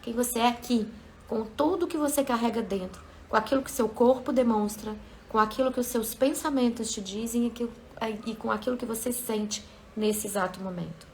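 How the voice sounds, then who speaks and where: A woman's voice: fairly high pitch, normal speed, darkish tone, slight background noise. A woman giving a motivational self-help talk as a coach, speaking conversationally and often checking in with her listeners.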